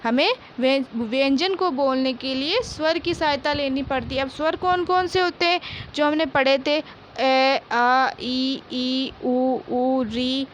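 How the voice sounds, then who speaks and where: A woman's voice: high-pitched, slight background noise. A woman teacher gives a primary-school Hindi lesson. She reads each word twice and answers her own questions. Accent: Rajasthani Hindi. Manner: slow, patient, repeats each word twice for pupils; asks questions and answers them herself.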